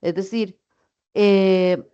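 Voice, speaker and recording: A woman's voice: mid-range voice, fairly even intonation, very slow, dark tone, smooth, dull audio. A woman giving an online class lecture, patiently explaining with spoken examples. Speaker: teacher.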